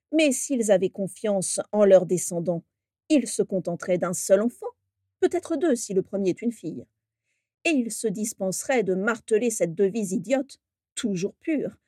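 A woman's voice: medium pitch, dark tone, no room sound, studio quality, natural voice. Abraxas, a woman voicing a mocking aristocratic wizard. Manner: mocking, gloating. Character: haughty scheming aristocratic wizard, man.

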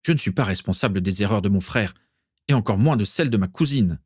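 A man's voice: fairly low pitch, animated, fast talker, darkish tone, breathy edge, no room sound, clean studio sound. A man voicing a proud, tense teenage boy who answers curtly and defensively in an audiobook reading. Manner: curt, tight and defensive. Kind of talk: audiobook character voice.

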